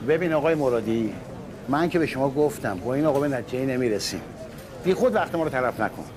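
A man's voice: medium pitch, animated, close to an everyday voice. An actor playing a bitter man who bluntly demands his share of a land deal. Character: aggrieved land claimant Ganji, bitter and blunt. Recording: background noise.

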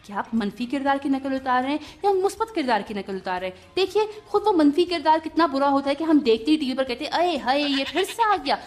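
A woman hosting a children's show, chatting to the kids and a puppet companion. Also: high voice. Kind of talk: talking to children.

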